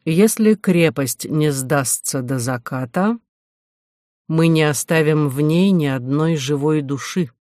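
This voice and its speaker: A reader voicing a stern, scheming older medieval bishop who talks slowly and quietly in an audiobook. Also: mid-range voice, no room sound, studio quality, lightly acted. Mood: stern, cold. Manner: slow, measured, quiet.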